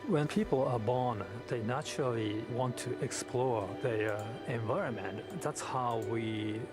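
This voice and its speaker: Measured man from Japan over loud music. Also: mid-range voice. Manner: measured, thoughtful, with some hesitations. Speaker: astronaut. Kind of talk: recorded interview, reflective. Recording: interview clip under loud music.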